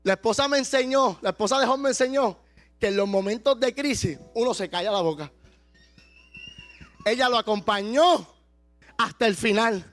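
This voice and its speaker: A pastor preaching a sermon with passion, at times slowing down and shouting for emphasis. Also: male voice, very high voice, soft background music.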